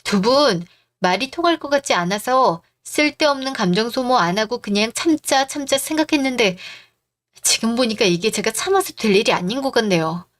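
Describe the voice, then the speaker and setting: A woman reading a radio drama, speaking as a wife, firm and measured. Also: a little high, expressive.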